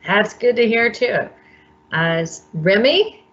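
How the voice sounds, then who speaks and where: Slow, measured woman moderating a panel. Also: mid-range voice, animated, a bit bright, highs cut off. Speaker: workshop moderator. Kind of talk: hosting a panel.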